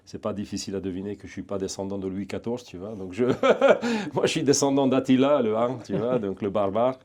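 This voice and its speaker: A middle-aged man from Hungary with a Hungarian accent, speaking French as a second language in a casual interview, halting with many restarts and fillers. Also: lowish voice, expressive, a little mellow. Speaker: guest, security training center founder.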